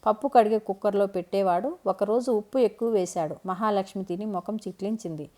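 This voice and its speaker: Woman reading a family story out loud, calm and steady. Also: medium pitch, a little fast. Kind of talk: scripted story narration.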